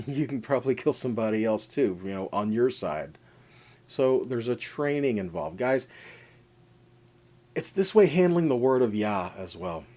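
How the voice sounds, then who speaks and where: A mellow, medium-pitched male voice belongs to a preacher teaching a scripture lesson. His informal sermon includes scripture readings and has a conversational feel; he addresses the audience directly and underlines points with repeated, parallel phrases.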